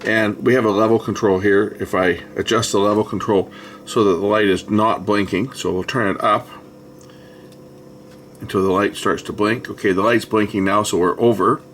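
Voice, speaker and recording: Demonstrating electronics at an indoor workbench, a middle-aged man presents a repair video with casual, hands-on commentary. His voice is fairly low, fairly even and a bit bright at normal speed, with music from a tape player behind him and a little hiss or hum.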